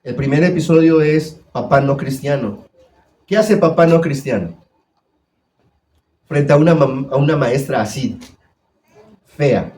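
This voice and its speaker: A man's voice: fairly high pitch, unhurried, long pauses, warm tone. A man preaching a sermon as pastor, putting questions to his congregation. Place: church hall. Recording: echoey church room.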